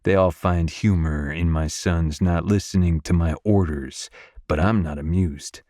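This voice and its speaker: A man narrating a romance audiobook in first person, in a gruff, brooding manner on a close studio mic. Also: low voice, fairly even intonation, a little slow, mellow, no room sound.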